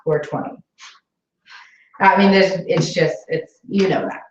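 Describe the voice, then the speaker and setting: A woman's voice: on the low side, steady tone, measured pace, a little hiss or hum. A woman in a roomy indoor space talks new recruits through how the business works, chatty and encouraging. Her voice sounds slightly dull, as if recorded on a basic camera. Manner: chatty and encouraging, many fillers. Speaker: sales director coaching new consultants. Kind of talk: casual training talk with a live booking call.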